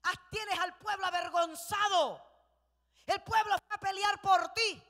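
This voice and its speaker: A woman pastor voicing a stern male general who scolds a king, shouting the rebuke in her sermon. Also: very high-pitched, fairly even intonation, measured pace, pitched above the performer's own voice. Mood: scolding. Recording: long church hall reverb.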